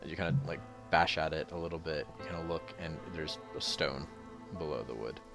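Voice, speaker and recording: A man narrates a tabletop game as its game master. His voice is very deep, and he explains scenes casually, feeling his way through them. Faint music plays behind him. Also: fairly quick. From United States.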